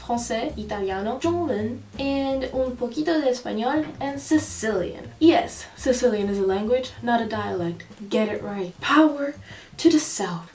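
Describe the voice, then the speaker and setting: A young woman talking to camera in a personal vlog, playful and sarcastic with animated asides. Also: on the high side, a little hiss or hum. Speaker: vlogger. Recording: echoey room, mic at a distance. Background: faint jazz music.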